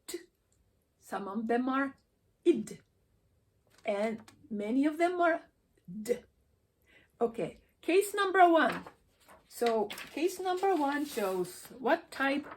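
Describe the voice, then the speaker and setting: A woman teaching English pronunciation, slowly sounding out words and endings for her students to repeat. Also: high-pitched, a little mellow, slight background noise. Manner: slow, deliberate, repeats sounds for practice. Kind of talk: pronunciation lesson.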